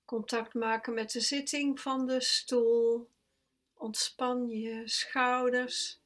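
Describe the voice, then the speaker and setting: A woman guiding a breathing meditation, with slow, soft, calm instructions that at times sink to a whisper. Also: a little high. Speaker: meditation guide.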